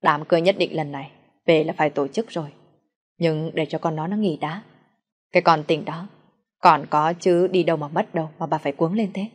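A woman with a low voice reading the lines of a stern, quick-tempered middle-aged father who rebukes his son. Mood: dismissive.

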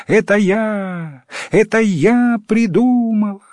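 A man voicing a vain, boastful female frog in a storybook reading, shrill and excited. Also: unhurried, dry recording, clean studio sound. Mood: boastful shouting.

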